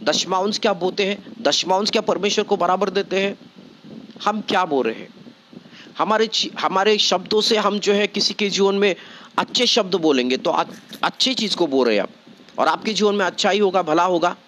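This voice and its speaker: A man's voice: high-pitched, normal speed, fairly bright tone, slight background noise. A man giving a sermon as a preacher, repeating phrases and asking the listeners rhetorical questions. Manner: repetitive, rhetorical questions, frequent "okay".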